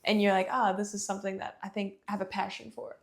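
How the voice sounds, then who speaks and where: Her voice is gravelly and medium-pitched, with a level tone and a quick pace. A young singer-songwriter from Athens, Georgia, she chats loosely as an interview guest, laughing frequently and saying "you know" often.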